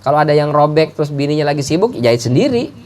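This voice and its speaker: Lively Indonesian preacher. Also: male voice, fairly high pitch, fast. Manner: lively storytelling, acting out voices of characters. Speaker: Islamic preacher. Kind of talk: sermon.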